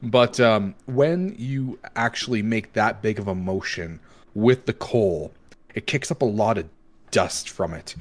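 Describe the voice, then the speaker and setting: A man casually narrating a tabletop game as its game master. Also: on the low side.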